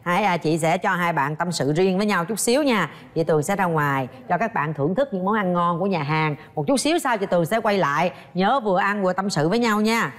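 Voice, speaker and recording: A woman hosting a dating show, playful and chatty, joking with the guests. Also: lowish voice. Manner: teasing, chatty, quick to joke. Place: studio set of a dating show.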